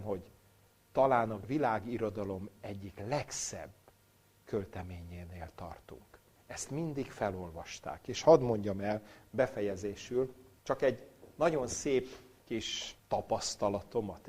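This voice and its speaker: A man giving a Bible lecture with a personal story, dramatic, swinging from loud emphasis to near-whispered recitation. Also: fairly low pitch, slightly rough.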